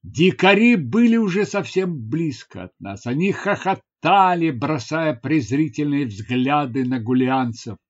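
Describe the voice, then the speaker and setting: A man narrating a first-person adventure novel in a dramatic, expressive reading, on a dull lo-fi recording. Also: a little high, unhurried, few pauses. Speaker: audiobook narrator.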